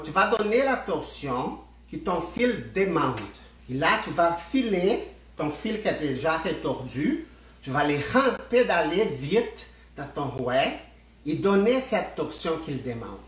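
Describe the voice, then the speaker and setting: A man talks viewers through spinning yarn at an unhurried pace, with a fairly high voice. He often stumbles and repeats words as he explains. The sound bounces around a bare, echoey room at home. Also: sing-song, fairly bright tone. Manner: repeats and restarts words, addresses viewers directly. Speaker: spinning instructor. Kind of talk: casual livestream tutorial.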